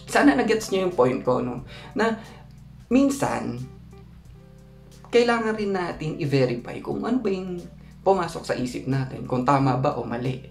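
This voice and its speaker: Chatty man in an echoey room. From Philippines. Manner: chatty, often asks "no?" to the viewer; rises high when acting out his own thoughts. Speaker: vlogger. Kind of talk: casual storytelling vlog.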